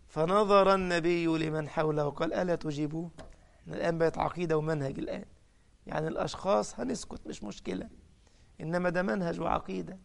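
Delivering a sermon in an Egyptian Arabic accent, a man with a gravelly voice that sits high for a male speaker tells a story with drama. He raises his voice for the cries he quotes and hits key points hard.

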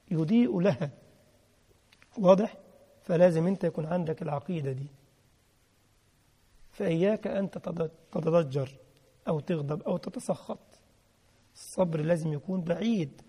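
Gravelly high-voiced Egyptian preacher. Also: male voice, dark tone. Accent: Egyptian Arabic. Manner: emphatic, repeats key phrases, quizzes the audience. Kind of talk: sermon. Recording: long hall reverb.

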